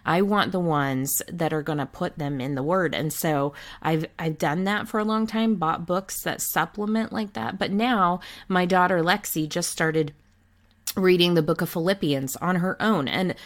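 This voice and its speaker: A woman's voice: lowish voice, moderate pace. A woman author answering interview questions in an earnest manner. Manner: earnest, fluent with some restarts. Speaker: author guest.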